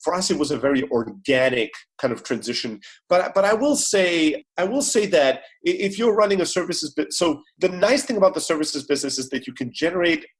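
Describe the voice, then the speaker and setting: A man's voice: fairly high pitch, expressive, brisk, few pauses, slightly rough. A man from Greece, a startup CEO, speaking as a guest in a podcast interview over a remote call, telling his story with energy and plenty of fillers.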